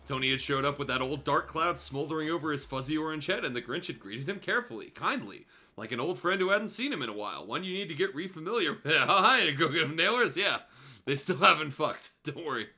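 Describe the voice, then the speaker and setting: Reading fan fiction aloud as a livestream guest host, a man hams it up comedically and drops irreverent curse-laden asides, with music behind him. His voice is on the high side, expressive, brisk and sharp.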